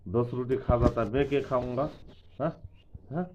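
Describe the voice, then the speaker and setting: A man's voice: medium pitch, steady tone, moderate pace. A man chatting casually to camera, coaxing and calling out to animals as he goes. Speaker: vlogger. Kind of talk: casual running commentary to camera. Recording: tinny phone-like sound with faint noise.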